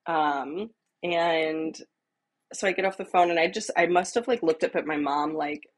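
A woman's voice: low voice, normal speed. A woman in her thirties telling a casual, rambling story while out on a walk, full of "like" and "um". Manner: rambling, filler-heavy, conversational. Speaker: vlogger. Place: outdoors on a walk.

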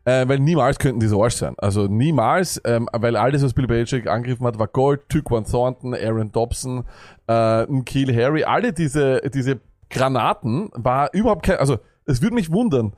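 A man's voice: mid-range voice, normal speed, a little mellow, dry recording, studio quality. A man co-hosting a fantasy football podcast, ranting and sarcastic, jumping between thoughts. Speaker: podcast co-host. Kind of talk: casual fantasy football chat.

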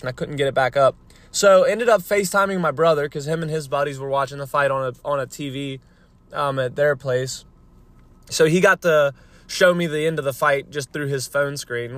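A man's voice: on the high side, a bit bright, dry recording. A man chatting casually and rambling on a solo podcast, recorded on a phone inside a parked car on a rainy day. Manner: rambling, informal, mildly profane. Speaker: podcast host. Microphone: phone microphone. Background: rain hitting the car roof.

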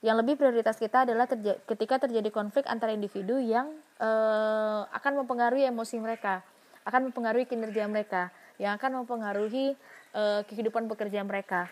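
A woman's voice: a little high, fairly even intonation, fast talker. A woman giving a university lecture in an explanatory way, asking herself questions and answering them, with frequent fillers.

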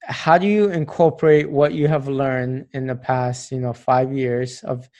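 A man's voice: medium pitch, steady tone, measured pace, darkish tone. A man interviewing a guest, encouraging her with frequent "mm-hmm" prompts and sums up her points. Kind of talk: interview questions.

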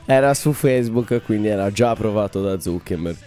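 A man co-hosting a casual chat, hoarse but still ringing, loud and teasing, on a remote call. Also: lowish voice, fairly quick, soft background music. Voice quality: ringing, carrying voice. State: hoarse, losing his voice. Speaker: podcast co-host. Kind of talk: casual chat among friends.

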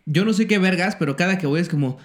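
A man's voice: high voice, fast. A man with a Mexican Spanish accent, co-hosting a gaming podcast in chatty, profane banter. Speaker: podcast co-host. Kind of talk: crude casual banter.

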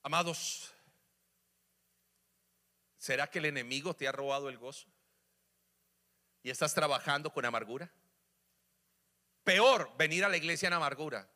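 A man preaching an animated sermon to a congregation, stretching out scripture verses slowly and acting out little scenes. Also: on the high side. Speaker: pastor. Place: church sanctuary with congregation. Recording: echoey hall reverb.

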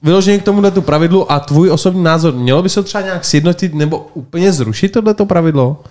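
A man's voice: a little high, darkish tone. A man hosting a podcast, asking questions in a joking, conversational way. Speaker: podcast host. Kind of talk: casual podcast chat.

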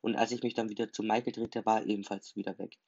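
Man, low gravelly voice, first-person story reading, dull lo-fi sound. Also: flat delivery, fast, darkish tone. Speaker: narrator. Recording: dull lo-fi recording.

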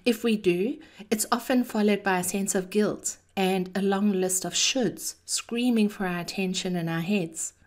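A woman delivers a chatty motivational monologue as a podcast host. Her manner is theatrical and cheeky, mixing personal anecdote with encouragement. Her pitch sits in an average range for a woman. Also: a little slow.

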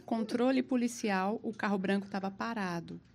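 A woman's voice: mid-range voice, normal speed, creaky, a little mellow. A woman guest on a podcast telling a story in casual chat, laughing often and acting out the people she quotes.

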